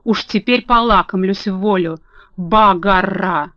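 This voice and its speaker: Woman doing a huge greedy storybook ogre, slow and gloating, dull lo-fi sound. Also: mid-range voice, sharp tone, no echo. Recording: dull lo-fi dry audio.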